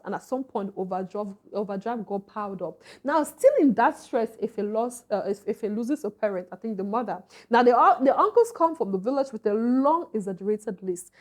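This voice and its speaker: A woman giving a casual spoken film review, chatty and calling her viewers honey and baby. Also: medium pitch. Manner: chatty, addresses viewers as honey and baby, asks "are you getting?". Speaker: movie reviewer.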